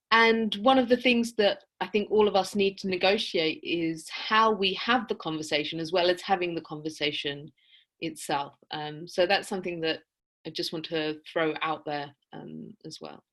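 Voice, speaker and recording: Woman, lowish voice, panel moderator, measured and reflective, video call. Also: a bit bright. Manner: measured, reflective, with frequent fillers. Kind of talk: academic panel discussion.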